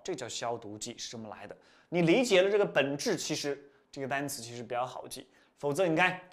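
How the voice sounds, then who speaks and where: A man teaching vocabulary in a recorded lesson, explaining word roots with lively repetition, often rising for emphasis and letting phrase endings trail off. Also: medium pitch, creaky.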